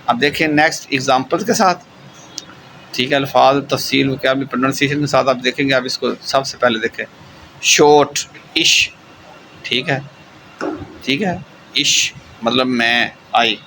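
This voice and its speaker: A man gives an online German lesson with a bright, clear tone, drawing out words slowly and pausing often to check that students follow. Faint traffic hums in the background. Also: mid-range voice, rough recording. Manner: slow, drawn-out explaining with frequent "theek hai" check-ins. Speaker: German teacher.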